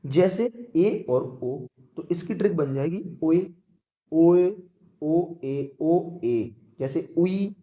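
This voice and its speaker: Male teacher, exam-prep grammar lesson, mellow voice, slightly high, keeps checking understanding. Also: lively intonation, drawn-out words, reverberant, highs cut off. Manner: repeats points and checks "clear?" often.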